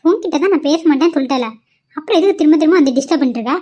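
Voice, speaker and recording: A woman voicing a young married woman who is fed up, brisk and exasperated in a cartoon. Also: sits high, animated, warm tone. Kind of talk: amateur cartoon voice acting. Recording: dull lo-fi audio.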